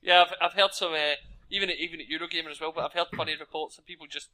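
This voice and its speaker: A man's voice: fairly high pitch, fairly even intonation, very fast, pushed and bright. A man with a Glaswegian accent chatting casually about gaming as a podcast host. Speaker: podcast host asking questions.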